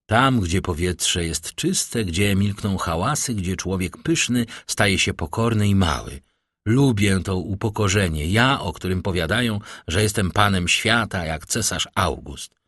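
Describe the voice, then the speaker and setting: A man reading an audiobook, voicing a worldly, grand count in a husky voice. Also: deep voice, expressive, unhurried, a bit bright, no room sound, studio quality, full character voice.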